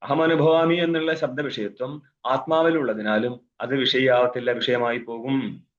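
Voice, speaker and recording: A man teaches a scripture class as a swami, putting questions to himself and answering them, and breaking in with recited Sanskrit and dry asides. His voice sits at an ordinary middle pitch. The sound comes through a slightly dull online call. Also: steady tone, measured pace. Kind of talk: philosophy class lecture. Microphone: online video call.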